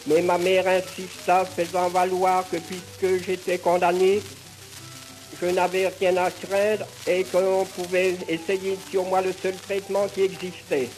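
A man in his sixties giving a steady spoken testimony, heard on an old worn, crackling archive tape. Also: sits high, a little slow, faint music behind. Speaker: witness recounting his childhood.

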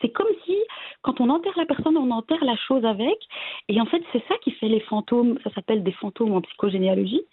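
A woman's voice: on the high side, lively intonation, brisk, husky, dry recording. Belgian-born woman on a tinny line. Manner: warm, hesitant, many fillers and restarts. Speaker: guest. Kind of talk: casual interview conversation.

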